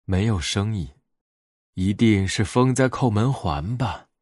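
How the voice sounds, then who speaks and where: Man voicing a soft-spoken old grandmother bear. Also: lowish voice, animated, unhurried, dry recording, clean studio sound. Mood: softly puzzled. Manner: soft-spoken, gentle, tender. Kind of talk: bedtime storybook reading.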